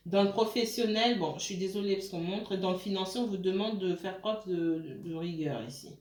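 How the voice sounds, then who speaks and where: During a relaxed tarot reading, a woman speaks fairly quickly at medium pitch in a darkish tone. She hesitates, restarts and uses many fillers, frequently checking in with listeners; the recording has a roomy echo plus a little hiss or hum.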